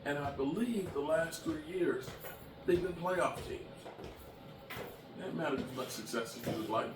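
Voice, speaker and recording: Picked up from afar in an echoey room with background noise, this sports vlogger in his late fifties talks casually to camera at a moderate pace. His fairly high, animated voice is blunt and forceful, drifting from irritation into sincerity.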